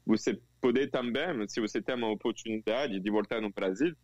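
A man's voice: fairly low pitch, normal speed, a little mellow, no room sound, muffled recording. A man from France, a company CEO, speaking Portuguese as a second language in an interview, hesitant with many fillers. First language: French.

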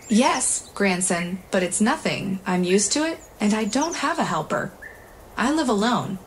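Woman reading frail lonely old granny, soft weak voice, slight hiss. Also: medium pitch, lively intonation, unhurried, close to an everyday voice. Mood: weary.

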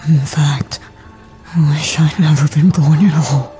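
A woman voicing a bitter, grieving young man in a hushed, slow, anguished anime fan dub. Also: sits low, fairly even intonation, soft background music. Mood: bitter grief.

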